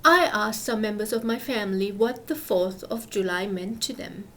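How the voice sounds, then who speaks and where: A woman from Malaysia, giving scripted voice-over narration in a measured, explanatory way. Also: medium pitch, fairly bright tone, rough recording. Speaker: video narrator.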